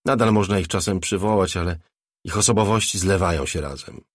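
A man's voice: sits low, fairly quick, no room sound, studio quality. A man doing a cocky, chatty young ex-hacker. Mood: boastful chatter.

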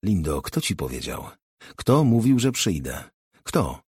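A man's voice: low voice, sing-song, measured pace, darkish tone, breathy edge, no echo, clean studio sound, exaggerated voice. A man voicing a restless young man in an audiobook, asking short, clipped questions. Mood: tense. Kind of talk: audiobook character voice.

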